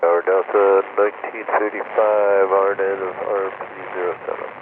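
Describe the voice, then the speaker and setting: A man with a very deep, monotone voice calls in as an airline pilot from his cockpit headset. His terse readbacks come through a narrow, phone-like radio band with heavy static hissing behind. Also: moderate pace. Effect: pilot on a cockpit headset over air-band radio. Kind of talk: radio call-backs to the tower. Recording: tinny radio transmission with loud static.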